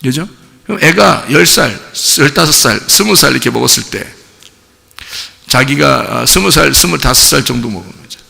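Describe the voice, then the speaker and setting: A pastor preaching a sermon in an animated way, sometimes rising to shouts. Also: male voice, medium pitch, normal speed, vocal fry, big-room sound. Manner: animated preaching, acts out quoted voices; rises to shouting at climaxes. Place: church sanctuary.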